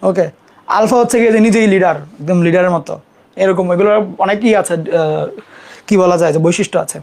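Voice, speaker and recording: A young adult teacher talks through a live math lesson in a loose, informal way. The voice sits at a middle pitch, and the teacher repeats terms slowly so students can copy them and apologizes quickly for board mistakes. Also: darkish tone.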